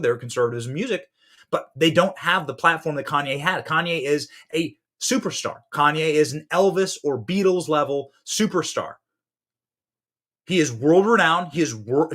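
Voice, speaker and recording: A man delivers impassioned political commentary as a podcast host. His fairly high voice swings from loud outbursts to hushed, pointed asides. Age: 30s.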